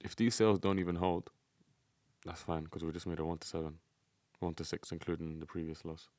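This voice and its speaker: A man's voice: low voice, flat delivery, a little fast, darkish tone, no echo. A man giving casual, slangy live trading commentary as a streamer, talking directly to his viewers. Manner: slangy, addressing viewers as guys. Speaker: day trading streamer and teacher.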